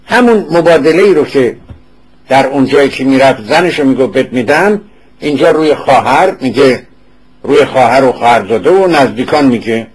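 A man's voice: mid-range voice, lively intonation, breathy edge, rough recording. A man giving an informal lecture. He reads old passages aloud and then explains them in casual, conversational speech, repeating words to get the pronunciation right.

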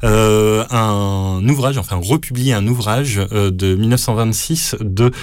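A man, a radio columnist who presents animation books in a measured way. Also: on the low side, a little mellow, dry recording, clean studio sound. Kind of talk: radio book review.

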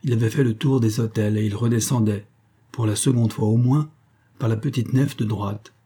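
A man narrating a classic novel as an audiobook in a measured, hushed storytelling manner. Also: fairly low pitch, fairly even intonation, slightly rough.

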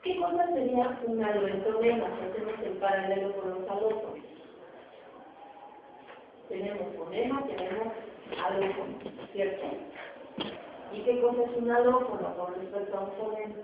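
A woman with a Mexican Spanish accent giving a university phonetics lecture, explaining slowly and asking rhetorical questions. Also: mid-range voice. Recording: echoey classroom from far off, phone-like sound, noise.

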